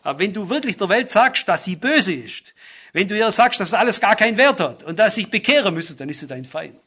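Earnest high-voiced preacher. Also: male voice, big pitch swings, fairly quick, sharp tone, slightly rough. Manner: earnest, emphatic, addresses listeners directly. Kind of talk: sermon.

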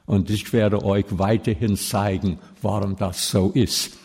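A man's voice: fairly low pitch, steady tone, darkish tone, husky. A middle-aged man preaching a sermon in German full of grammar slips, lecturing and putting questions to his listeners. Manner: slow, lecturing, asks the audience questions. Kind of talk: sermon with teaching asides. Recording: long echoing reverb of a hall.

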